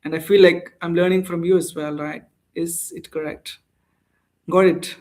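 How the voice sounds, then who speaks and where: A man's voice: a little high, flat delivery, normal speed. A young man from India with an Indian English accent, chatting casually with viewers as an English-speaking coach on a live stream and reading their comments aloud.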